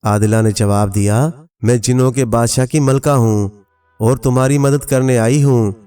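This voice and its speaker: A man reading a scripted folk tale aloud as a storyteller, in a steady, even manner, quoting each character without changing his voice. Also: medium pitch, clean tone. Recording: narration from a distance over faint music.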